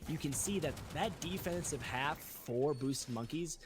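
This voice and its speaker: A man's voice: a little high, a little slow, background noise. A man giving esports commentary as an analyst caster, explaining play in an emphatic way.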